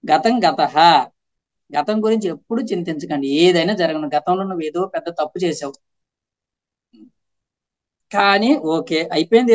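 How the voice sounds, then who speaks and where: A man with a Telugu accent, a spiritual teacher giving a casual talk that answers questions and acts out quoted voices. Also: fairly high pitch.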